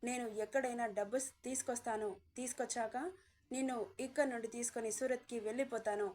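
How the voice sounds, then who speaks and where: A woman's voice: on the high side, steady tone, brisk, a little mellow, close to an everyday voice. A woman voicing a man, a kidnapper uncle who coaxes with fake kindness and then threatens, in a storybook narration. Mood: menacing. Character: scheming male kidnapper uncle, menacing and fake-kind.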